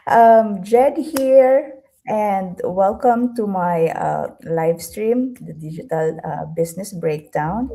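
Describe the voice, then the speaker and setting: A woman's voice: medium pitch, slow, warm tone. A woman hosting a live stream interview, talking in a chatty way with many fillers and restarts. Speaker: host.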